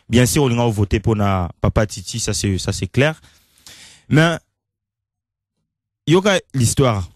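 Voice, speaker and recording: A man with a Congolese accent hosts a conversational radio show, switching between languages and often repeating or rephrasing what he says. His voice is lowish and darkish in tone, captured in a dry, studio-quality recording.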